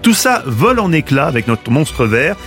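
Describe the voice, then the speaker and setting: A man's voice: on the high side, very animated, moderate pace, a bit bright. A man giving a comic radio chronicle in a playful, teasing, slangy way at a studio microphone, with faint music behind. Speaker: radio columnist.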